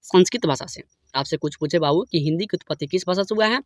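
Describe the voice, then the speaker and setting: A man's voice: sits high, fast talker, no echo, clean studio sound. A man teaching an exam-prep grammar lesson, asking each question, repeating answers and addressing viewers as friends.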